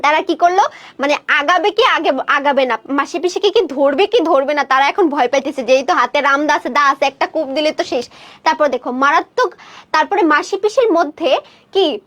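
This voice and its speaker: High-voiced woman teaching a story. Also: moderate pace, a bit bright. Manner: conversational, asking questions then answering them. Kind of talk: explaining a short story in a class lecture.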